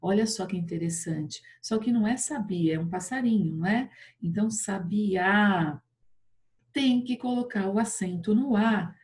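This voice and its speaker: Warm and mid-pitched, this woman's voice belongs to a Brazilian primary teacher giving fourth graders an online Portuguese class. Her explanations are slow and lilting, sprinkled with plenty of tag questions to keep the kids engaged.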